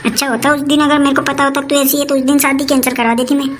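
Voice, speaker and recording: Scolding fast and with little pitch movement, a woman lightly acts the part of a domineering elderly mother-in-law, nagging and making threats in a countrified dialect for a comedy sketch. Her voice is high, and a faint hiss sits under the rough recording.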